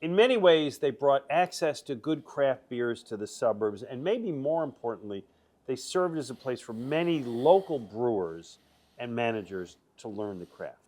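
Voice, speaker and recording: A man's voice: mid-range voice, normal speed. A male TV co-host in a bottle shop chatting casually on air during a beer tasting, joking and teasing his partner. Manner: jokey, animated, teasing. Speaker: TV show co-host.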